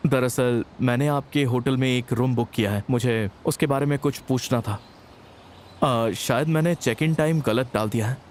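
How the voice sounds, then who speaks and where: A man's voice: medium pitch, moderate pace, a little mellow, a little hiss or hum, natural voice. An actor dubbing a playful young man who coaxes and pleads, in a dubbed drama. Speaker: dub actor.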